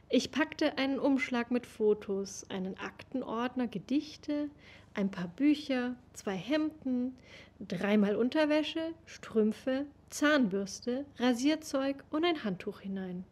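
A young woman reads a literary text aloud, unhurried and measured. Her voice sits a little high, and she takes each phrase slowly. She was recorded through a webcam in a room at home. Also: darkish tone. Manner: slow, measured reading. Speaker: reader of literary texts. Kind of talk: literary reading.

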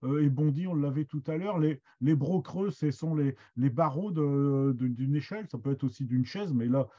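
A man's voice: on the high side, moderate pace, dull audio. A middle-aged man teaching an online master class, hesitant and full of restarts. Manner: hesitant, many restarts and fillers. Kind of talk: online lesson, loose explanation.

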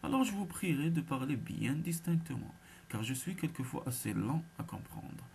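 A man's voice: fairly high pitch, animated, normal speed, vocal fry, a little mellow, slight background noise. A man voicing a small sly male jackal who plays dumb and distracted. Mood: mock-confused. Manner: distracted, playfully obtuse.

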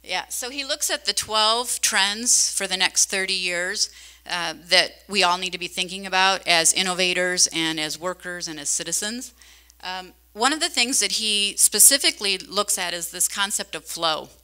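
A woman's voice: lowish voice, normal speed, bright, forceful tone, smooth. A middle-aged woman giving a conversational conference keynote into a handheld microphone in a large hall, often asking the audience questions. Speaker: keynote speaker.

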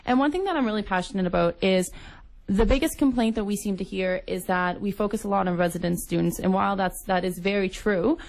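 A young woman from Nova Scotia, with a Canadian accent, speaks fairly quickly in a medium-pitched, slightly mellow voice with vocal fry. She's an incoming student union executive answering earnestly as a guest on a casual radio interview in a studio.

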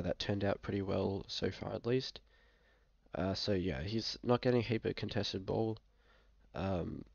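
Coughing occasionally from being a bit sick, a young Australian fantasy football vlogger gives casual screen-share commentary from a small indoor room. His voice is low, gravelly and a little mellow, and he speaks laid-back and hesitantly with frequent fillers; the audio has no room sound but the highs are cut off.

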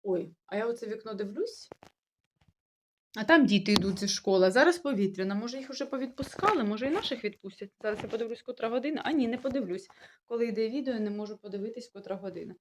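A woman's voice: fairly high pitch, expressive, fast talker, slight background noise. Chatty woman vlogger with a sore throat. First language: Russian. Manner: chatty, puzzled, rambling with restarts. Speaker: village-life vlogger. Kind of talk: casual talk to camera.

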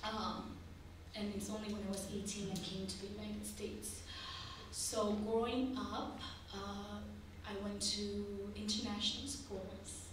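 A woman in her thirties who grew up in Bangladesh and Indonesia, speaking earnestly as a theater teacher on a panel, pausing to find her words. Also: mid-range voice, little pitch movement. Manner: earnest, searching for words, many pauses. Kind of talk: panel discussion answer. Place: large lecture room, indoors. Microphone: table mic, heard from a distance. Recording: echoey room from far off, with noise.

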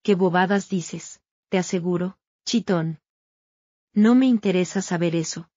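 Dreamy young wife, read by a woman, slow and tender, dry muffled audio. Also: fairly low pitch, warm tone, no echo.

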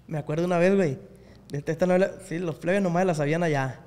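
A man tells slangy stories with energy as a podcast guest. His voice is somewhat high for a man. A long reverb hangs in the room around him. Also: fast talker. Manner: slangy, animated storyteller. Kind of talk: casual podcast chat.

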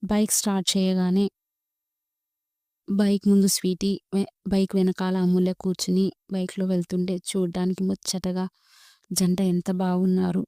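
A woman narrating a romantic storybook in a steady, even reading manner. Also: on the low side, normal speed, dry recording, studio quality.

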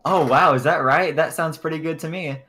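A man's voice: a little high, moderate pace, bright, forceful tone, slight background noise. A man voicing a friendly, chatty cartoon game cat, reading the dialogue aloud with amateurish bad acting. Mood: curious, friendly.

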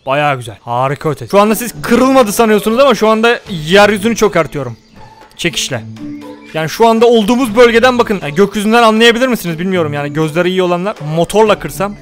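Soft background music accompanies a young man's fast, animated voice that sits high. He's a gaming YouTuber joking through a survival game, explaining his actions and yelling at the game in comedic let's-play fashion.

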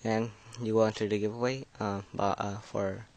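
This casual gameplay commentary comes from a teenage gaming video creator, age fifteen, who is nervous, hesitant, and mumbling, his speech slightly slurred by braces. His lowish male voice has little pitch movement and a darkish tone, moving at normal speed without echo.

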